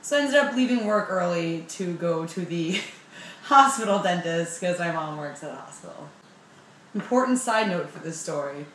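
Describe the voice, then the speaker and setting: Profane, animated young woman telling a story. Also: fairly low pitch, moderate pace, a little hiss or hum. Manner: animated, profane, self-mocking. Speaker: vlogger. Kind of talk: casual storytelling. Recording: roomy with faint ambience.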